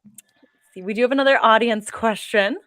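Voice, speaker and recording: A woman hosting a casual livestream interview as a fellow author, chatty and quick to laugh as she talks. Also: a little high, a bit bright, no echo. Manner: chatty, laughs easily while talking.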